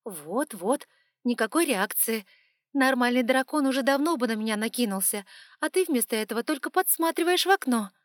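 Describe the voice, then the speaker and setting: Woman voicing a shrill, furious young heroine. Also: lively intonation, moderate pace, no room sound, clean studio sound, close to an everyday voice. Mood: angry. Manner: shouting, accusing.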